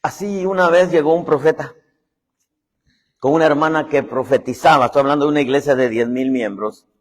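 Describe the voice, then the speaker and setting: A man's voice: a little high, fairly quick. A man preaching a sermon and telling a story, acting out the people in it as he goes. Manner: dramatic storytelling, voicing characters in quotes. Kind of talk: sermon with acted-out anecdote. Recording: long hall reverb.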